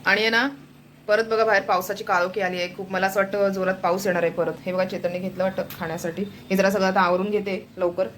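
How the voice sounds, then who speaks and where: A woman's voice: mid-range voice, level tone, quick pace, fairly bright tone, slight background noise. A young woman chatting casually to viewers in a home vlog, pointing things out as she goes. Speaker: vlogger.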